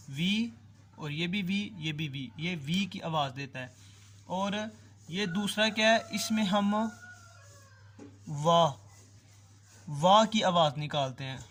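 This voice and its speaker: A man's voice: sits high, lively intonation, a bit bright, a little hiss or hum. A man teaching a language class, patiently drawing out and repeating each sound and checking that the listener follows. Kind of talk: online language lesson.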